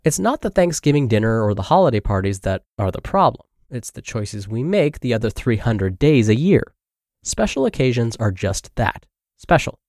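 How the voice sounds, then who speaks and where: A man's voice: mid-range voice, sing-song, normal speed, hardly any pauses, darkish tone, dry recording, studio quality. A man hosting a health podcast, reading a blog article aloud, his voice a little congested. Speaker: podcast host and narrator.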